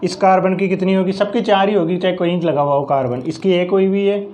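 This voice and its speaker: A high-voiced male science teacher with a Rajasthani Hindi accent speaks fast in a steady, slightly mellow tone during a classroom chemistry lesson. Explaining each step, he counts aloud and asks questions only to answer them himself. There's a little hiss or hum in the recording.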